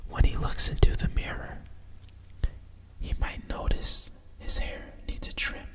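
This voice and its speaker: A storyteller whispers a bedtime picture book softly and soothingly, right in the listener's ear, in an unhurried ASMR style. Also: distant mic. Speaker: storyteller reading a picture book aloud with asides.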